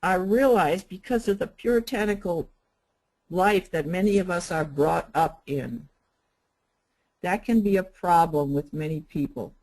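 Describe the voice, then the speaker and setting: An older woman teaching a spiritual healing workshop in a gentle, unhurried way, repeating and spelling out her points. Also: fairly low pitch, low-quality recording.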